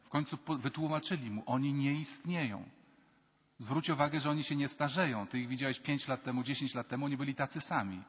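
A male priest giving a lively sermon in a large basilica. He acts out dialogue with shifting voices. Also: medium pitch, fairly quick, husky. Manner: animated, acts out quoted dialogue in changing voices. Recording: long basilica reverb, dull lo-fi sound.

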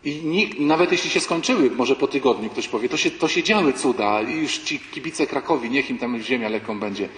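A male priest giving a sermon-like talk, telling anecdotes with animated storytelling and acting out the people in them. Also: mid-range voice, brisk, hardly any pauses, a little hiss or hum. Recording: echoey hall with long reverb, faint background ambience.

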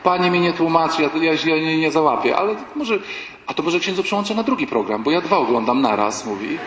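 Male priest, voice a touch high, animated storyteller who acts out the people in his anecdotes; reverberant large hall. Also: brisk. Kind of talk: sermon-like talk with anecdotes. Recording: echoey hall with long reverb, faint background ambience.

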